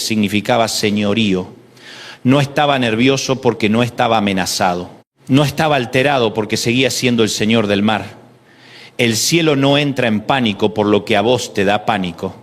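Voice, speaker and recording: A man preaching a devotional sermon in a Rioplatense Spanish accent, emphatic, with rhythmic repetition and slow dramatic pauses. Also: medium pitch.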